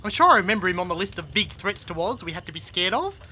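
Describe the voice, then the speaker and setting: A woman's voice: fairly low pitch, very animated, fast, background noise. A woman playing a clever, teasing scarecrow companion, hesitant then bluntly frank, in a fantasy audio drama. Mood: warning, earnest. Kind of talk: full-cast fantasy audio drama acting.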